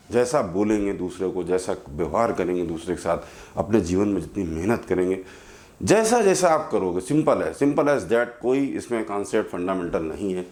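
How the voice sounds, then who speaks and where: An earnest young male teacher tells a moral tale to his students, addressing them directly as he goes. His voice sits low. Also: a little mellow. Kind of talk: storytelling during a school lesson.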